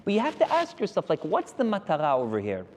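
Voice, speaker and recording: A man, a rabbi, giving a Torah lecture to his congregation and telling stories with animated energy. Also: high-pitched, quick pace, big-room sound, a little hiss or hum. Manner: animated storytelling, addressing the crowd directly.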